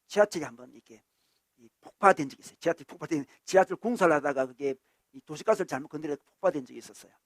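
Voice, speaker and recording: Korean male pastor, high voice, dry close sound, sermon that acts out quoted lines loudly. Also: no echo. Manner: acts out quoted voices with sharp rises in pitch and volume.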